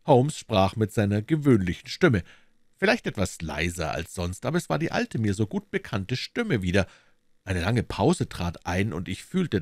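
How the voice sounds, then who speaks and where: Brief: male storyteller, deep and dry, steady audiobook reading. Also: no room sound. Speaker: audiobook reader. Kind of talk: audiobook narration.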